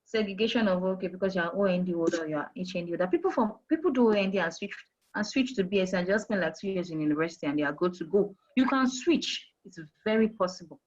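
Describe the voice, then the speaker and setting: A lowish, slightly mellow female voice talks fast and expressively, with highs cut off in the recording. Speaking Nigerian English, the HR manager guest stresses her career tips emphatically, circling back to key ideas and using rhetorical questions.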